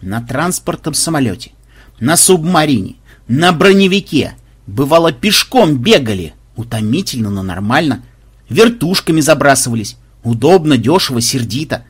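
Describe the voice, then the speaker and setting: A man voicing a gruff, grumbling older grandfather who is a soldier, in an audiobook. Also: mid-range voice, sing-song, normal speed. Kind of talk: audiobook voice acting.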